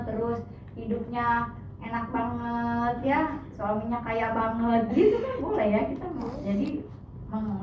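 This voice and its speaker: A woman lecturing a class in a chatty, animated way, her voice a touch high. She is caught by a mic some distance off in an echoey room, and the sound is thin and tinny with a faint hiss. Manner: chatty, animated, acts out soothing patient instructions. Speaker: hypnotherapy trainer.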